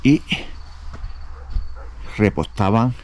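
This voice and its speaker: A man talking casually and haltingly as he vlogs a night exploration outdoors. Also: on the low side, lively intonation, darkish tone. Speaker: vlogger. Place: outdoors at an abandoned train station at night. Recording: outdoor night recording with noise.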